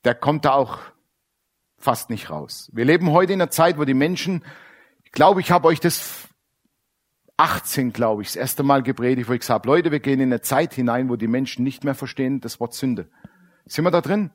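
Blunt, animated male preacher. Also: medium pitch, moderate pace. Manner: blunt, animated, acts out quoted characters, drops to quiet asides. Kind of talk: sermon.

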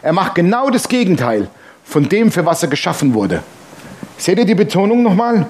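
A man's voice: high voice, sing-song, normal speed, a little mellow, a little hiss or hum. A man preaching a sermon in standard German, emphatic, asking the congregation questions and dropping joking asides between scripture readings. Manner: jokes and asides while reading scripture aloud. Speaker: pastor.

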